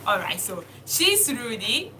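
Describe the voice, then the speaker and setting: A young woman from Italy teaching a casual video lesson, speaking slowly and deliberately and spelling out words. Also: a little high, big pitch swings, sharp tone, slight background noise. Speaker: language teacher.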